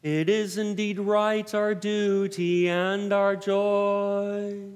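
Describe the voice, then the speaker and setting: High, clear man chanting in cathedral echo. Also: level tone. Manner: solemn, drawn-out chanting of the liturgy. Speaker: pastor leading worship. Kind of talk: church liturgy, partly chanted. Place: large reverberant church. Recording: long cathedral-like reverb.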